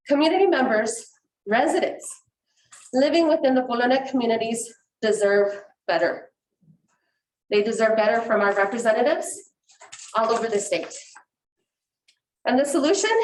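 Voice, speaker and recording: A woman directing a community organization gives prepared public testimony at a meeting, earnest and emphatic, repeating key words for weight. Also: a little high. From New Mexico. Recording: echoey meeting room, faint noise.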